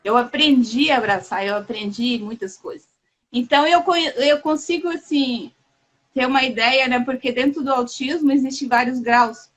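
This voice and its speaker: A woman hosting a casual live chat, talking in a warm, halting way with many restarts and fillers. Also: sits high, rough recording. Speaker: host.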